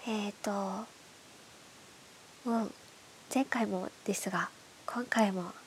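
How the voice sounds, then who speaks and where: A woman with a stuffed-up, nasal voice from hay fever, hosting a bedtime radio show in soft, breathy, casual chat that often drops toward a whisper. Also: mid-range voice, steady tone, slow pace. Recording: clearly audible background hiss.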